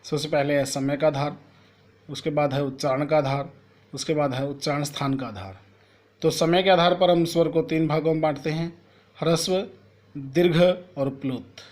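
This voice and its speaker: A man's voice: a little high, normal speed. A man teaching a school grammar lesson to children. He asks a question and then answers it himself, and he spells out sounds one at a time. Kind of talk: classroom lesson explaining Hindi grammar to children.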